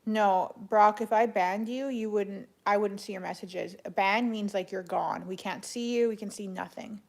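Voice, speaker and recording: A woman chatting casually on a livestream as she answers viewers, speaking in a flat monotone with a creaky voice. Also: mid-range voice, moderate pace. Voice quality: creaky vocal fry. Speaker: live streamer answering chat.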